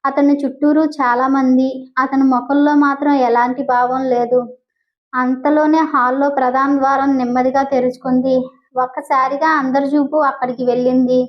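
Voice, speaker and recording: A woman storyteller reading a scripted audio story in a steady, descriptive way, on a dull lo-fi recording. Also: high-pitched, moderate pace.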